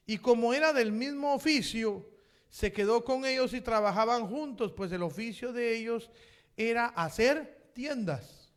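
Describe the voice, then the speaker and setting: A man, preaching a sermon. He calls out to the congregation as brother and repeats amen, and he swings from loud, impassioned passages to quiet asides. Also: high voice. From Chile. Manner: impassioned preaching that rises to shouts, then drops to quiet asides. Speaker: pastor.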